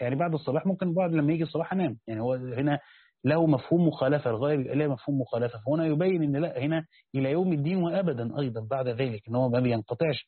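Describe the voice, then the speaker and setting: In a tinny, phone-like lo-fi recording with a dry sound, a man teaches from a classical Quran commentary with an Egyptian Arabic accent. His medium-pitched voice is husky as he reads aloud, explains, and answers his own questions.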